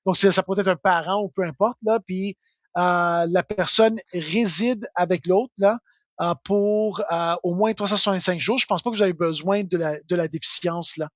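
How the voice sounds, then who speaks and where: A Québécois man explains tax rules in a live question session, chatty and full of fillers. His voice sits high. The sound is dry and a little dull. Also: normal speed, no room sound. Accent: Québécois French. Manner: informal, full of filler words and tag "là". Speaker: tax software expert answering questions.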